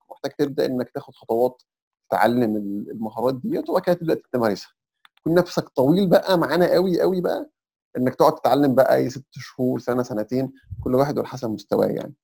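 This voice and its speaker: Young Egyptian guest, Egyptian Arabic accent, gravelly and husky, explains things in a quick step-by-step chat. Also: male voice, mid-range voice, dark tone. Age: young adult. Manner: explains step by step, sprinkles English terms. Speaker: podcast guest. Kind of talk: casual advice chat.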